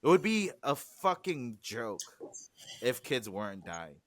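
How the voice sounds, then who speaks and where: A man's voice: medium pitch, very animated, slow pace, a little hiss or hum. A man talking as a guest on a podcast in loose, profane conversation, with frequent restarts and acted-out quotes. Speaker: guest, music producer.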